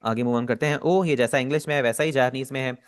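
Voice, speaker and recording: Male teacher. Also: medium pitch. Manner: explains patiently, repeats words slowly for students. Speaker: Japanese language teacher. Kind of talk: online class lesson.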